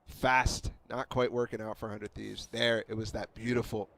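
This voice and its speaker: A man's voice: fairly low pitch, little pitch movement, moderate pace, gravelly, fairly bright tone. A man working as an esports caster, giving live analysis and explaining tactics.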